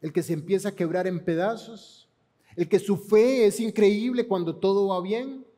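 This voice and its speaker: A man's voice: high-pitched, normal speed, dark tone. A man with a Panamanian accent preaching a sermon, retelling scripture dramatically and asking the congregation rhetorical questions. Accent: Panamanian Spanish.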